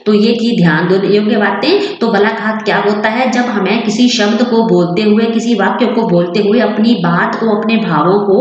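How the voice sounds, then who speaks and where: A woman teaching a Hindi lesson, explaining patiently and saying example sentences slowly with one word stressed. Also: mid-range voice. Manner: slow, deliberate example sentences with stressed words. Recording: very echoey, dull lo-fi room.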